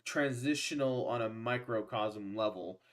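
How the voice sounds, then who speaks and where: A man co-hosting a casual live stream chat, rambling and crude, getting animated when he jokes. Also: medium pitch, unhurried, crowd noise. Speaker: podcast co-host.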